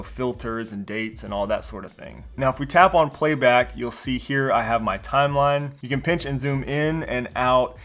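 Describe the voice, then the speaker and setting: A man giving a casual walkthrough review of a video doorbell, explaining features with the odd filler word. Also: medium pitch. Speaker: tech product reviewer.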